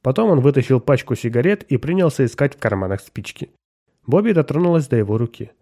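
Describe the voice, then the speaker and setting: A man narrating a story in a mellow, dark-toned voice, his pitch rising and falling with lively movement. He tells the story steadily and expressively, shifting his voice for each character. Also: fast. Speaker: audiobook narrator. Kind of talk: scripted narration with voiced dialogue.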